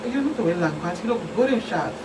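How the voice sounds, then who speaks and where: With a fairly low, expressive voice and a quick pace, she talks as a police expert guest on a talk show, in a Virgin Islands Caribbean accent. Her explanations are plain and emphatically repetitive, recorded from a distance in a clearly noisy room with hum.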